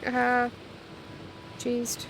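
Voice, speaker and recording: A woman hosts a game livestream, chatting casually, commentating as she plays and reading game text aloud, with game music behind her. Her voice is on the high side, completely flat in delivery, with drawn-out words and poor audio quality.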